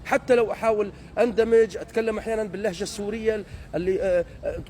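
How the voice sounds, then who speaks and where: A man's voice: high-pitched, steady tone, very fast, mellow, a little hiss or hum, rough recording. A man with a Deir ez-Zor Syrian accent, ranting outdoors on a city street in a mocking, sarcastic way. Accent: Deir ez-Zor Syrian Arabic. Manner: mocking, sarcastic, mimics other dialects.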